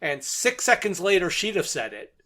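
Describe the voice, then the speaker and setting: In a laid-back chat about books and radio drama, a male podcast co-host recaps a story and adds wry, amused remarks. His voice is high and a bit bright, swinging widely in pitch at a moderate pace.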